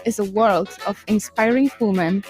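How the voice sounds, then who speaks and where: A woman's voice: mid-range voice, normal speed, darkish tone, soft background music. Young Polish-born woman, careful intro. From Poland. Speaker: pageant contestant. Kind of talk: recorded self-introduction.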